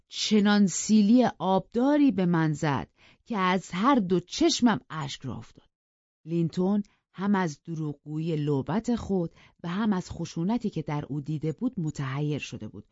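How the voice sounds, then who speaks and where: A woman narrating an audiobook in an even, measured storytelling manner. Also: on the low side, no room sound, muffled recording. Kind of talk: scripted narration.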